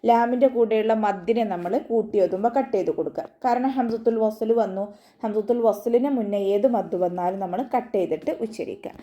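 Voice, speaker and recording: A woman's voice: mid-range voice, brisk, warm tone, muffled recording. A woman teaching Quran recitation in an online lesson, explaining pronunciation patiently, step by step. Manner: patient, step-by-step instruction with frequent tag questions.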